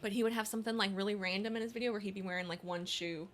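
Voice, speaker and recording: Woman, mid-pitched voice, chatty podcast co-host, light background hiss. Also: fairly even intonation. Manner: chatty, frequent "like" and quick agreement. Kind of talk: casual conversation. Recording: faint background noise.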